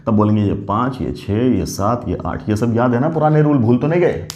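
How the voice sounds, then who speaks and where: A man's voice: mid-range voice, expressive, fairly quick, muffled recording. Male chemistry teacher, mid-range voice, encouraging lecture style that asks and answers its own questions. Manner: coaxing, asks questions and answers them himself; praises students warmly as he goes. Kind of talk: classroom lecture.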